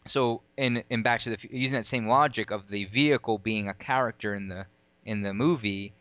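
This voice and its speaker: A man's voice: on the low side, a little fast, a bit bright, clean tone, no echo. A man co-hosting a podcast in casual, rambling chat, drifting from one tangent to the next with plenty of fillers. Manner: rambling, digressive, lots of fillers. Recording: lo-fi audio.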